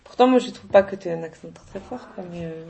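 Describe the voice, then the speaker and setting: A woman from the south of France with a southern French accent, interviewing someone casually and gently prompting her to go on. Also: medium pitch, quick pace, vocal fry.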